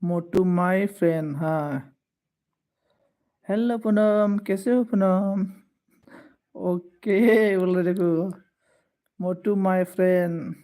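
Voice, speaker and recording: A man with a high voice chats casually on a live stream, taking his time over each word. He greets viewers one by one and teases them playfully as he reads out their comments. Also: fairly even intonation, extremely slow, pauses often, dark tone.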